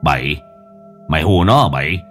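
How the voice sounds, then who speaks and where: A man voicing a gruff, blunt older man who swears and talks low in a ghost story. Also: animated, normal speed, a bit bright, soft background music.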